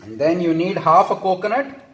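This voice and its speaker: In his home kitchen, an Indian home cook talks through his everyday cooking in a relaxed tutorial, speaking Indian English. His high, sing-song voice has a fairly bright tone, moves a little fast, and sounds roomy. Chatty and self-correcting, he keeps ending lines with "okay?" to check in.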